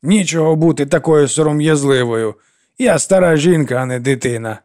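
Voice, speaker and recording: Here the narrator, a man, pushes his voice up to play a stern but kind-hearted widow scolding and mothering a troubled girl. The pitch is fairly high, the tone a little mellow, the pace moderate, and the acting light, keeping the mood stern throughout.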